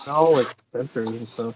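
A man's voice: mid-range voice, background noise. A man in a casual chat, heard through a muffled line, thinking aloud hesitantly while he makes his picks. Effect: muffled sound. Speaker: draft participant. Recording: muffled, dull call audio.

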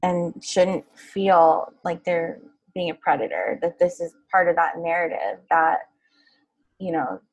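A woman with a lowish, husky, gravelly voice, co-hosting a podcast. She talks in a chatty, easygoing way and laughs easily. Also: a little slow, rough recording. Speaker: podcast co-host, clinician. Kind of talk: casual podcast discussion.

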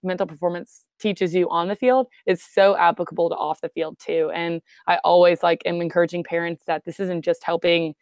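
A woman's voice: lowish voice, level tone, a little fast, few pauses, darkish tone, dry recording. A woman explaining mental performance for athletes in a chatty, conversational way, often asking "right?". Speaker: sports psychology guest.

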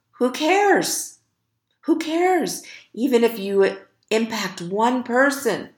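A woman hosting a podcast, giving an earnest, encouraging motivational talk with slow, emphatic delivery. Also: medium pitch, vocal fry, roomy sound. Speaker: podcast host.

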